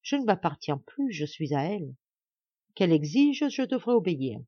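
A woman's voice: lowish voice, big pitch swings, moderate pace, no room sound, lo-fi sound. A woman reading a novel aloud, voicing a proud and cunning young noblewoman who speaks coldly and with control. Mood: brooding. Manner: cold and controlled, then coaxing.

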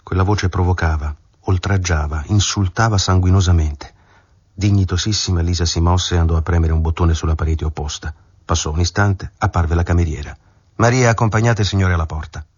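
A man narrating a novel aloud in a calm, measured reading, in a dull, dry studio recording. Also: sits low, breathy edge, no echo. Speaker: audiobook narrator. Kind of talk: scripted literary narration.

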